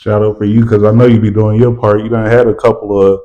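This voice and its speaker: A man hosting a podcast interview, asking casual, relaxed questions. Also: lowish voice, fast talker, lo-fi sound. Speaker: podcast host.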